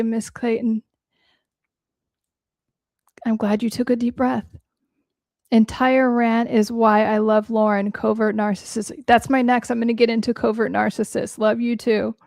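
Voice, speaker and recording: A woman's voice: a little high, gravelly, darkish tone, no room sound, clean studio sound. A young adult woman hosting a livestream as a therapist, talking bluntly and swearing freely while answering viewer questions, her voice cracking a little from a long day of talking. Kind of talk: casual livestream talk.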